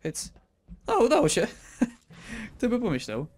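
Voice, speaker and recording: A man's voice: high-pitched, wildly swooping pitch, unhurried, husky. A man giving casual, joking commentary while playing a video game, rambling, exclaiming and talking to viewers and game characters. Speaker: let's play gamer.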